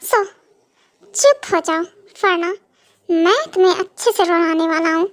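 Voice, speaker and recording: A woman's voice: very high voice, measured pace. A woman voicing a possessive, menacing young mafia husband in an amateur fan dub, talking in cold, mocking threats and commands.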